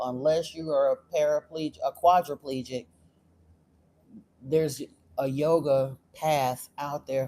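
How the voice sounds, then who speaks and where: On a casual livestream, a host from Florida in the United States dispenses spiritual advice in reply to viewer comments, her medium-pitched voice mellow against slight background noise. She talks in a chatty, straightforward way that can get blunt and stern, frequently using fillers and starting over.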